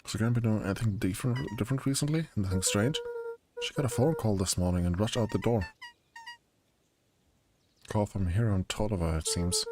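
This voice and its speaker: A man's voice: fairly low pitch, fairly quick, long pauses, background noise. A man streaming an indie game, casually reading its dialogue aloud and commenting. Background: game music.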